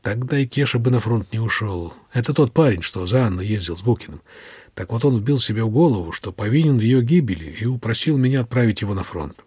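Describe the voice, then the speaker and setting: Male narrator, husky and low-pitched, dry studio read. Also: expressive, quick pace, darkish tone, no echo. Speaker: audiobook narrator. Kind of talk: scripted narration.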